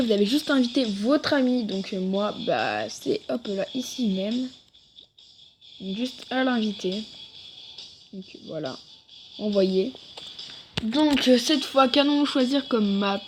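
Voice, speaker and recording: A woman giving rambling gameplay commentary for a video, often correcting herself mid-sentence. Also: on the high side. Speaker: gaming video creator.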